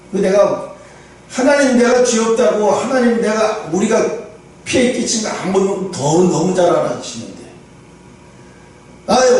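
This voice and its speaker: A male pastor giving a sermon, telling a personal story in a lively way and acting out quoted lines. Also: fairly high pitch, a little hiss or hum. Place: church sanctuary. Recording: roomy hall from a distance, faint ambience.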